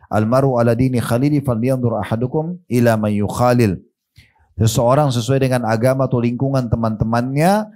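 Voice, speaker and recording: Mellow-voiced man preaching. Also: mid-range voice. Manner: lively, addresses listeners directly, recites Arabic verses. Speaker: Islamic preacher. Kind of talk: sermon to a seated congregation.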